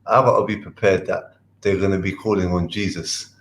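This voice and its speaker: A man, a panel guest explaining casually in a polite, halting way. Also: low-pitched, steady tone.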